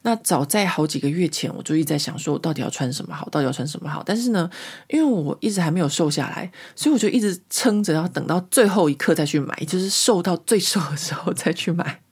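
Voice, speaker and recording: Podcast host, woman in her 40s, low voice, rambling casual storytelling. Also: lively intonation, fast talker, a little mellow, slightly rough. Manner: chatty, rambling storyteller, many fillers. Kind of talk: casual chat monologue.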